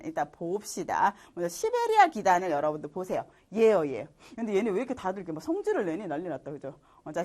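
A woman teaches a middle school science class in an online lecture, her pitch swinging widely as she talks. She chats casually, keeps checking in with rhetorical questions, and laughs easily at her own drawings. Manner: lively, chatty, asks students rhetorical questions; laughs at herself while drawing.

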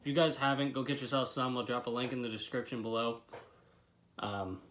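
A young man in his twenties reviews a product for his vlog from a bedroom desk, a lip full of dip. His medium-pitched voice is level, brisk and fairly bright, his manner laid-back with plenty of swearing. The small indoor room carries slight background noise.

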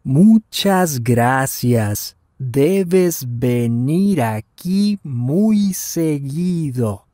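Voicing Daniel, a curious twenty-something traveler, a man reads a scripted language lesson dialogue with careful delivery at slow and normal speeds. His mellow, slightly high voice has lively intonation, drawn-out words and few pauses. It is a dry, studio-quality recording.

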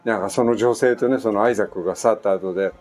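A Japanese man in his sixties, a vlogger, chats through an animated story full of asides while recording at home on an island. His voice is fairly low and he talks fast, with faint construction noise from nearby.

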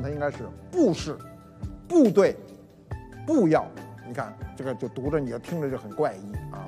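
A man giving an explanatory talk-show monologue, teaching by saying example words aloud. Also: fairly high pitch. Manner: didactic, demonstrates pronunciations aloud. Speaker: cultural commentator. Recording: reverberant room with faint music.

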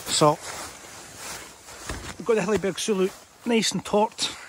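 A man's voice: sits high, slow pace, a little hiss or hum. A middle-aged man talking casually to camera from inside a small tent, easygoing and chatty with lots of ums. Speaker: outdoor vlogger. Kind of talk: casual camping vlog chat. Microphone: handheld camera close to the face.

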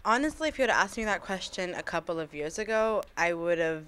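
A woman's voice: on the low side, animated, fairly quick, a bit bright, clean tone. A young woman giving earnest, reflective interview answers on webcam in a small indoor room. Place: small indoor room against a plain wall.

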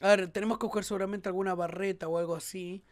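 Speaking fast at a medium pitch, a woman with an Argentine Spanish accent narrates a let's play for her gaming YouTube channel. Despite a sore throat, she gets excited easily, shrieking and laughing frequently.

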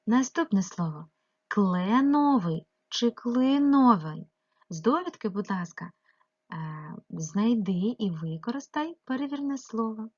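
Ukrainian-accented woman teaching kids remotely; husky, patient, clear stress, dull recording. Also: mid-range voice, very animated, darkish tone, no room sound. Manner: slow, clearly stressed, addresses the child directly. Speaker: primary school teacher. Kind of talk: remote lesson for young pupils.

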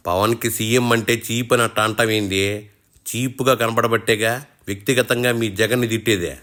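A man's voice: lowish voice, steady tone, normal speed, fairly bright tone. A man hosting a satirical show, teasing and mocking his guest in rustic colloquial speech. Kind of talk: mock interview banter.

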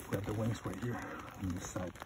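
On a grassy riverbank, an American fishing vlogger casually narrates his outdoor video in slangy, informal speech. His voice sits fairly low with a steady tone and a slightly quick pace. It's a noisy outdoor recording made on a handheld phone.

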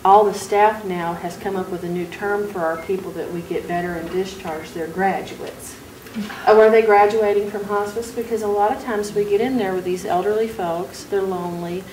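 A woman's voice: lowish voice, a little mellow, slight background noise, poor audio. A woman working as a hospice nurse, telling anecdotes in a folksy, humorous way. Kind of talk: anecdotal storytelling. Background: guitar music.

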